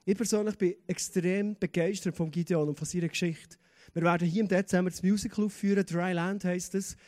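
Man, preacher, fairly high pitch, warm mellow tone, lively sermon. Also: fairly quick. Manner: lively preaching, reads scripture with acted voices. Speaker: pastor.

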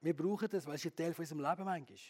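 High-voiced preacher. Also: male voice, racing, breathy edge. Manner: lively, candid, asks the audience questions. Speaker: pastor. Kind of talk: sermon.

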